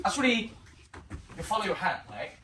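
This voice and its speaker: Martial arts instructor calling drills, very animated pitch. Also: moderate pace, reverberant, recorded from a distance, noisy background. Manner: martial arts instructor giving short encouraging commands. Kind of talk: kung fu class instruction, counting and calling drills. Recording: loud music over the voice. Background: loud music.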